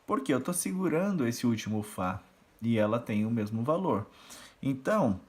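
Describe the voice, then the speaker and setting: This Brazilian Portuguese-speaking music teacher has a medium-pitched, slightly mellow voice with big pitch swings at a normal speed. He conducts the beat and counts syllables aloud, patiently walking through rhythm reading and solfège.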